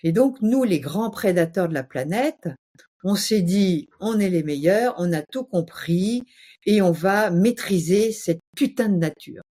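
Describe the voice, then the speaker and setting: A woman's voice: medium pitch, lively intonation, a little slow, mellow. A woman speaking as a guest, explaining passionately in a casual, emphatic way with vivid exaggeration.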